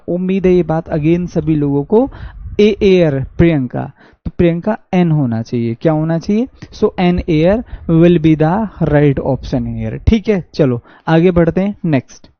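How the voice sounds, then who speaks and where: A man with a Haryanvi accent teaching an online exam-prep English class, reading sentences slowly and answering his own questions. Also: a little high, animated, dry recording. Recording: dull dry lo-fi audio.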